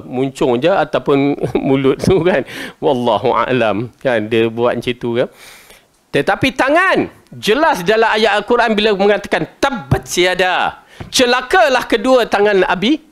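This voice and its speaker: High-voiced Malaysian man teaching scripture. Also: a bit bright. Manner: colloquial and jokey, chanting Quranic verses slowly. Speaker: religious teacher giving Quran commentary. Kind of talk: Quran commentary lecture.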